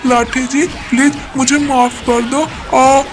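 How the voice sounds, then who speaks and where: Woman doing a brash male cartoon crow, insolent, loud, mid-pitched. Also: measured pace, over music, lightly acted. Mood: pleading. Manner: insolent, then pleading loudly when beaten. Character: rude greedy male crow, bullying and boastful. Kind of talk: cartoon voice acting.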